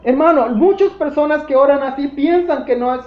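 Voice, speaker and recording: Mexican pastor, man, high-pitched, fervent sermon delivery, roomy church sound on a dull lo-fi recording. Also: normal speed. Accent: Mexican Spanish. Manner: impassioned preaching, often calls out "brothers". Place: church sanctuary.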